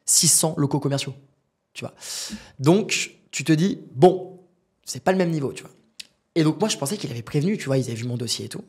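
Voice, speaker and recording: A young man with a husky edge in his voice tells a story at a brisk clip, acting out every character's lines. He is a podcast guest sitting across from the host and keeps talking straight to him, slangy and animated. His voice sits a little high for a man. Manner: animated, acts out dialogue, uses slang and asides to the host. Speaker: guest, business founder.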